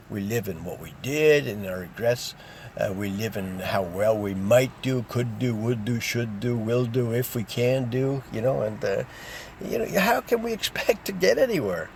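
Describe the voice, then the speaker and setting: A man's voice: mid-range voice, creaky, a little mellow, slight background noise. An older man hosting a recovery show, speaking in an earnest motivational talk with lots of repetition. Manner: earnest, repetitive, drawn-out urging. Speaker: recovery radio show host.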